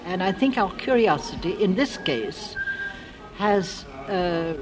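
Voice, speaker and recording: Very old woman, hesitant, lively pitch. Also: music in the background. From United States. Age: elderly, very old. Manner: hesitant, halting old lady, losing her thread at times. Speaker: interviewee, friend of the writer discussed. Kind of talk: reflective literary interview. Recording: clearly noisy archive interview recording.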